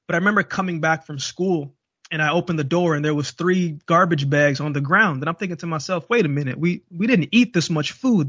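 A man's voice: a little high, fairly bright tone, no echo, highs cut off. A young man from Jamaica, a guest speaker, telling his life story and acting out the dialogue. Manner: vivid storyteller, acts out dialogue. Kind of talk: storytelling interview.

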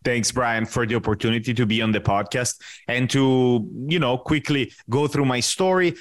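A man in his thirties from Italy, a podcast guest answering questions in a relaxed way, often pausing with fillers as he searches for words. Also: mid-range voice. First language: Italian. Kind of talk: casual interview answers.

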